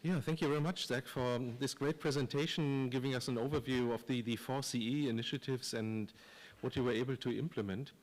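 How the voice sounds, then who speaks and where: Polite moderator with long hall echo. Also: male voice, medium pitch, steady tone, fairly quick. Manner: polite, brief. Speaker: session moderator. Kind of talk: moderating a conference session. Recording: long reverb, distant mic.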